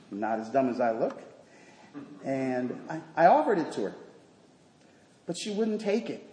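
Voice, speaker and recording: A male priest preaching a sermon, telling a story in a gentle, measured way. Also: mid-range voice. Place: church. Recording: echoey church with long reverb.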